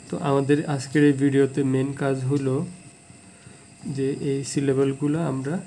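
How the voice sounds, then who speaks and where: A man gives a casual video lesson on English, saying each example word slowly and more than once. His voice is gravelly and fairly flat in pitch. A faint hiss of noise sits under the recording. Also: rough recording. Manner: plain, repeats example words slowly. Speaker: English teacher.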